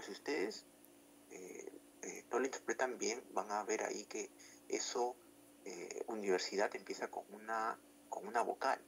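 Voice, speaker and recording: Man, teacher, grammar lesson, explains step by step, gravelly voice, faint background noise. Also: on the low side, fairly bright tone, poor audio. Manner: explains step by step, often checking with students. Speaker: English teacher.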